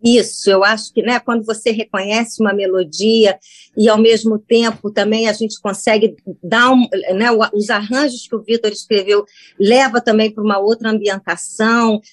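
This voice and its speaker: A woman's voice: mid-range voice, fairly even intonation, normal speed. A woman from Brazil, guesting on a radio show, talks at length about her music in an informal, wandering way, full of restarts. Her voice is dry and close with no room echo. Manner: warm, rambling, with many restarts. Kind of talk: radio interview.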